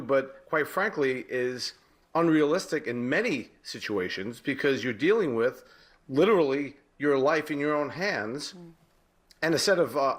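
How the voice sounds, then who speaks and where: An American man with a medium-pitched voice, formerly a police detective, offers halting, explanatory commentary during a live news interview.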